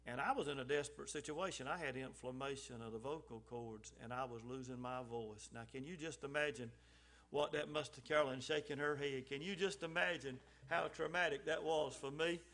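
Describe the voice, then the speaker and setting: Speaking fairly quickly in a steady, fairly bright mid-range voice, a man delivers a casual church message as a lay speaker. He is folksy, often says um or starts over, and leans harder on important phrases.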